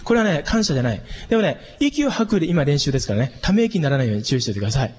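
A man teaches breathing and voice in a calm, instructive way, pausing to demonstrate relaxed, airy exhalations. His voice sits somewhat high and sounds husky. A long reverb trails each phrase. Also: lo-fi sound. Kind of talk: spoken vocal training lesson with demonstrations.

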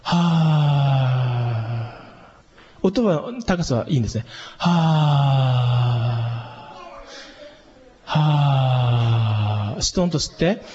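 A man leading a calm vocal training lesson, explaining relaxation and demonstrating long, breathy exhalations. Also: high-pitched, quick pace, few pauses. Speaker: voice and breathing instructor. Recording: long reverb, dull lo-fi sound.

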